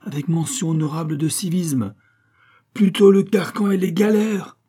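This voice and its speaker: A man voicing an irascible, pompous old priest schoolmaster who shouts in indignation. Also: on the high side, normal speed, husky, pitched above the performer's own voice. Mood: furious. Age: older.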